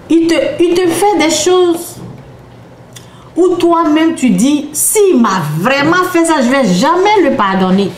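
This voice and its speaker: A woman preacher giving a sermon with personal testimony, emphatic and repetitive, sometimes dropping to a hush. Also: on the high side, slight background noise. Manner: emphatic, repetitive, drops to hushed tones. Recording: echoey room with faint ambience.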